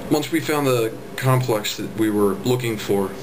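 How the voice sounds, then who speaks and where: A man's voice: mid-range voice, moderate pace. A man in his twenties narrating and chatting on a road trip in a car, dry and teasing. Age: 20s. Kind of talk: casual travel narration and car chat. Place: inside a moving car. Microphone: handheld camera in the car. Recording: loud road noise.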